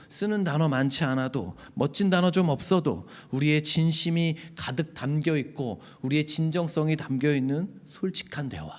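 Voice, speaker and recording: A middle-aged man preaching a Sunday sermon as a pastor. He talks directly and conversationally to the congregation, dropping to near-whispers and then rising to emphatic peaks. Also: medium pitch. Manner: swings between hushed, near-whispered asides and raised, emphatic peaks.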